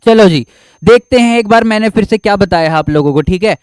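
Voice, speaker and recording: A man's voice: high voice, a little fast, a little mellow, smooth, dry recording. A man teaching a biology lecture at a board, who repeats his own questions, answers them, and keeps reassuring his students.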